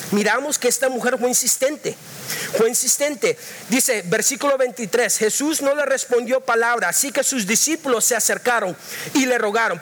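High-voiced man preaching a fervent sermon. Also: fairly bright tone. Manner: fervent preaching, switching between Spanish and English phrases; repeats "listen to me well" to the congregation. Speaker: pastor. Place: church.

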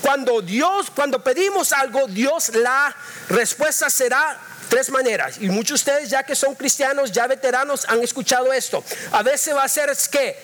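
A pastor preaching a fervent sermon in church, mixing in English phrases and often telling the congregation to listen closely. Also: male voice, very high voice, animated, moderate pace, fairly bright tone. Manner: repeats "listen to me well" to the congregation.

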